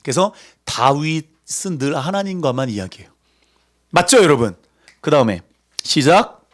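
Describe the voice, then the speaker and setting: A man preaching a sermon in a lively, conversational way, acting out voices as he goes. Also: fairly high pitch, normal speed. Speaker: pastor.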